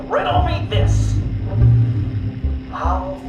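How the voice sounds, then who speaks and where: An actor playing an arrogant, condescending male villain in a video game, with smug, theatrical swings in pitch. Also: wildly swooping pitch, drawn-out words, exaggerated voice. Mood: ranting. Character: arrogant sneering male riddle-obsessed villain, adult. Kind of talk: video game voice acting, taped patient interviews. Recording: echoey with loud music underneath.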